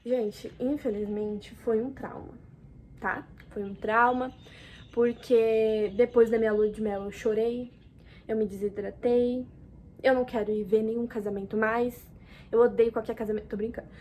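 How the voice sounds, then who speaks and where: A woman's voice: a little high, moderate pace, dull audio, slight background noise. Chatty young Brazilian woman vlogging. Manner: expressive, chatty, swings between loud exclamations and soft asides. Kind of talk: casual chat to camera.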